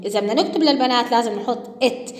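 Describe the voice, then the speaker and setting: High-voiced teacher in an echoey room. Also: female voice, racing. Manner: patient, explains step by step, asks the pupils questions. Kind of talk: recorded classroom lesson for children. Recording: echoey room with long reverb.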